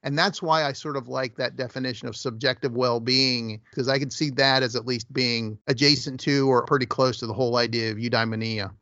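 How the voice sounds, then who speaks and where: A man's voice: medium pitch, fairly even intonation, brisk, hardly any pauses, sharp tone, dry recording, muffled recording. A man co-hosting a podcast, explaining ideas in a thoughtful, meandering way during a casual discussion. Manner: thoughtful, explanatory, with verbal hedges. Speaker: podcast co-host.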